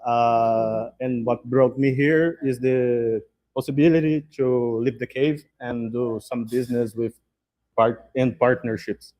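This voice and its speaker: A man's voice: medium pitch, steady tone, slow pace, mellow, low-quality recording. A man from Brazil, a startup CTO, introducing himself casually with some self-deprecation.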